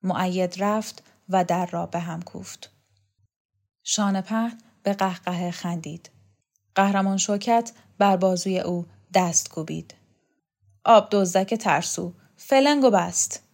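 Calm woman narrating a story. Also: on the low side. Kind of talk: scripted audiobook narration.

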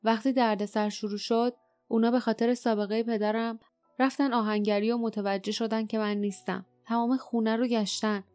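A woman's voice: on the high side, little pitch movement, a little mellow, clean tone, no room sound, soft background music, lightly acted. A woman reading a determined, earnest teenage boy hero in an audiobook, speaking with urgency.

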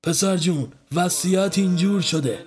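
A man's voice: sits high, a little mellow, voice pushed up, lightly acted. Stern old uncle, as a man puts him on. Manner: stern, scolding. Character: stern older uncle, family elder.

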